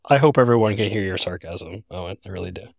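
Deep voiced guy co-hosting a podcast, rambly and reflective. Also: quick pace, vocal fry, no echo. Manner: reflective, rambling with many "like" fillers. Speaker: podcast co-host. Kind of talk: casual podcast chat.

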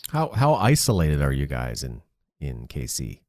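A man co-hosting a casual conversation, relaxed and asking the guest questions. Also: rumbling low, measured pace, dry recording, clean studio sound. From Canada. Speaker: podcast co-host.

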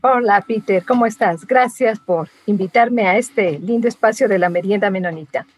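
A woman's voice: medium pitch, moderate pace, slightly rough, no echo. A woman from Latin America with a Latin American Spanish accent, co-interviewing with long, thoughtful questions.

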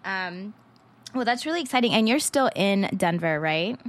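A woman's voice: medium pitch, expressive, moderate pace. A woman from the Philippines hosting an education podcast, talking casually and enthusiastically with many fillers. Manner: enthusiastic, filler-heavy with frequent "like" and "um". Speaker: podcast host. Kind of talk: casual interview chat.

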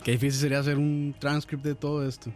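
Hesitant Costa Rican podcast co-host. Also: male voice, medium pitch, level tone, quick pace, a little mellow, faint music behind. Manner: hesitant, restarts, uses 'mae'. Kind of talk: casual chat.

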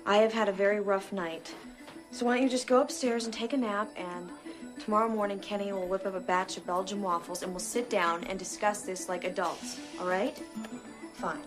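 An actress plays a young woman in a film scene who stays cool and in charge while everything falls apart around her. She speaks in a soothing, managing tone. Film music plays clearly underneath her lines. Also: mid-range voice, steady tone, brisk, close to an everyday voice. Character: young woman bluffing calmly through chaos.

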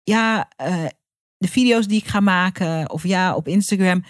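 A woman's voice: lowish voice, measured pace, no echo, clean studio sound. A woman hosting a podcast interview, encouraging and talking in long winding sentences full of fillers. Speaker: podcast host.

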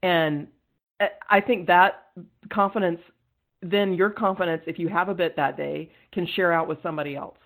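A woman's voice: lowish voice, low-quality recording. Woman guest on a podcast, earnest and upbeat, laughs a lot. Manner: energetic, earnest, quick to laugh. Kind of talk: casual interview conversation.

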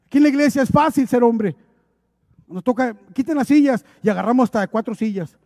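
A man's voice: very high-pitched, brisk, darkish tone, dry recording, studio quality. A male preacher delivering an emphatic, exhorting sermon, lightened with humorous acted asides.

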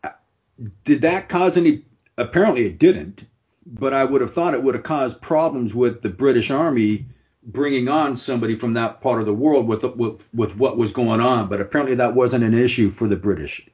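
A man's voice: medium pitch, normal speed, a little mellow. A man in a middle register hosts the interview, chatting loosely and laughing easily as he gropes for words. His voice comes through muffled and lo-fi. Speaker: interviewer, host. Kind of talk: casual interview. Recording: muffled lo-fi audio.

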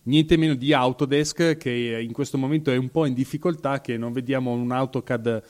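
A man's voice: medium pitch, steady tone, moderate pace, darkish tone. A man hosting a podcast, interviewing his guest with joking asides. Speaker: podcast host.

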